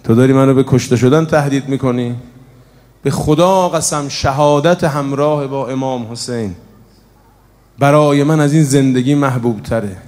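Preacher doing a fiery devout warrior, raised and shouting, mellow tone in a long-echo hall. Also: male voice, medium pitch, close to an everyday voice. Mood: defiant. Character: defiant devout male warrior rebuking enemies.

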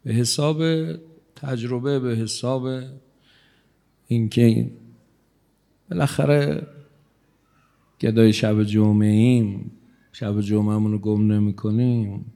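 A male cleric preaching to a congregation with a gravelly, dark voice. He talks conversationally, teasing his listeners, and his volume swells and drops as he goes. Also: fairly low pitch, fairly even intonation, pauses often. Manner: conversational, teasing the audience, shifting loudness. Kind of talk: religious sermon to a congregation.

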